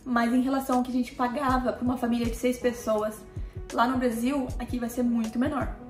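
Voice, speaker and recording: A woman's voice: on the high side, flat delivery, a little fast, darkish tone. Chatty Brazilian woman in a roomy space. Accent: Brazilian Portuguese. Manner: chatty, keeps addressing viewers with tag questions. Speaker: family vlogger. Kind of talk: casual talk to camera. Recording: roomy echo with faint music.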